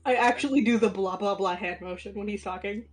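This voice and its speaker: A woman's voice: medium pitch, a little fast. A woman playing a tabletop game, casually describing her character's actions and swearing. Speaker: player.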